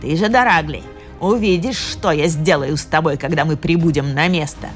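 A woman's voice: sits low, normal speed, faint music behind, natural voice. A woman voicing a cruel old witch who hisses threats and barks commands. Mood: commanding. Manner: hissing, menacing commands.

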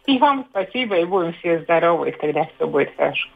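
A woman with a slightly low voice speaks as an interview guest over a dull, band-limited live link. She is from Latvia and gropes for words in halting phrases. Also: sing-song, gravelly. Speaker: head of an organisation, interview guest.

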